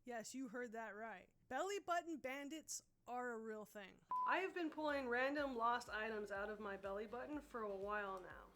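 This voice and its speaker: A woman's voice: a little high, moderate pace, hardly any pauses, fairly bright tone, a little hiss or hum. A woman hosting comedic infomercial parodies, with an upbeat, mock-salesy delivery and wry asides. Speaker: host and creator of satirical ads.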